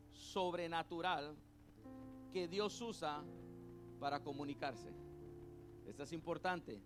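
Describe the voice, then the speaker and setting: High-voiced man preaching a sermon. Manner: call-and-response teaching, has the congregation repeat terms; spells out words letter by letter and repeats points slowly. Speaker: pastor.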